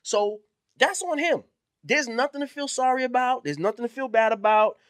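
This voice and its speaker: A man's voice: very high voice, lively intonation, moderate pace, a bit bright, no echo. A man co-hosting a podcast in casual chat, blunt and emphatic, cursing freely and cutting in often. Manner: blunt, emphatic, profane, keeps interrupting. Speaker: podcast co-host.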